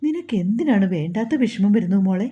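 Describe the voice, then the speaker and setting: A woman's voice: mid-range voice, lively intonation, fairly quick, mellow, lightly acted. A woman voicing a caring older female helper who chides fondly and asks many questions. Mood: worried.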